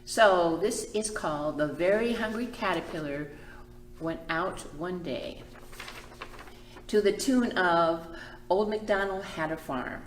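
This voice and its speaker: Taking it slowly in a fairly low voice, a children's librarian leads storytime reading and teaching, speaking expressively in simple phrases with drawn-out words for young children. The room echoes, and there is slight background noise.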